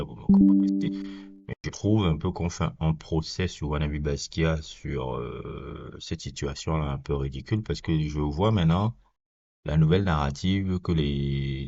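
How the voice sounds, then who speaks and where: Very deep husky man ranting. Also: darkish tone. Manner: rambling, opinionated, talks straight to viewers. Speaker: reaction video host. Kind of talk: casual reaction commentary. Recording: dull lo-fi recording.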